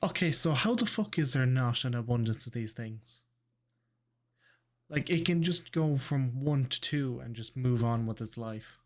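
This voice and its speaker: A man's voice: medium pitch, expressive, a little slow. A man giving casual, blunt, sweary reaction commentary as a streamer. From Ireland.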